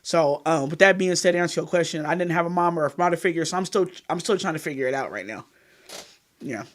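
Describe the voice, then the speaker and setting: A woman from California, in her thirties, rambles frankly through a candid interview as the guest, repeatedly saying "you know what I mean." She has a fairly low pitch and a quick pace.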